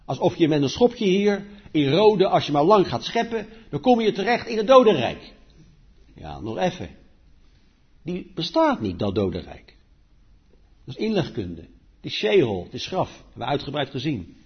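Preacher guy, raspy, bit high, goes loud then mutters asides, muffled old recording. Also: big pitch swings, normal speed. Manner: emphatic, swings between loud declaiming and quiet asides. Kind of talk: sermon. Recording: dull lo-fi recording.

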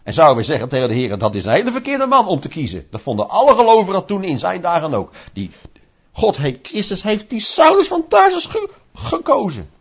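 A man preaching a sermon in a lively, conversational way, asking rhetorical questions and acting out little scenes. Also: high-pitched, fairly quick, husky. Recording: dull lo-fi recording.

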